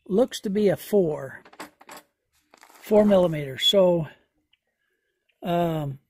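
A man doing a hands-on repair walkthrough outdoors, talking slowly and folksily with many fillers as he thinks aloud. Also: high voice, darkish tone. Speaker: homesteader vlogger. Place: outdoors in a yard.

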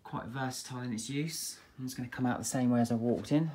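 A man with a medium-pitched voice speaks quickly as he shows viewers around a detached house and its back garden. He's an English estate agent delivering a relaxed, chatty walk-through in plain sales patter, recorded on a handheld phone camera.

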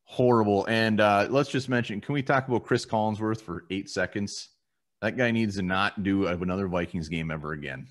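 This co-host of a laid-back sports fan show speaks at a moderate pace in a fairly low voice. Joining the postgame broadcast by video call from a home room, he is blunt and swears casually while going over the numbers.

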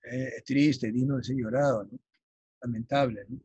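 A male teacher explaining vocabulary for an exam, often checking in with his students and slowly dictating key terms. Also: mid-range voice, steady tone, mellow, breathy edge, no room sound, dull audio. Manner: checks understanding with frequent "ya?". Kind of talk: vocabulary lesson for exam prep.

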